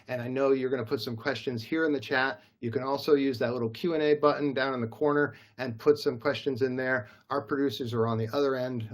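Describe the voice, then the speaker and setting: A man hosting a live interview over a video call, upbeat and chatty with a self-deprecating manner. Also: medium pitch. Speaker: host.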